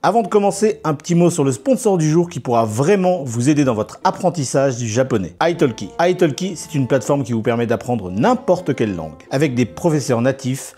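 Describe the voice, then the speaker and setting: A man's voice: medium pitch, animated, brisk, few pauses, dark tone, faint music behind. A man in his thirties from Normandy, France, telling his own story in a chatty, candid vlog narration. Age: 30s. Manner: chatty, candid, with occasional restarts. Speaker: YouTuber.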